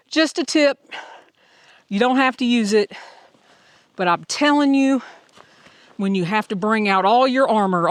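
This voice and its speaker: A woman's voice: mid-range voice, dry recording. A middle-aged woman, vlogging on a hiking trail, heartfelt and thinking aloud, sometimes out of breath. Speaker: hiker vlogging as she walks. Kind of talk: casual audio vlog.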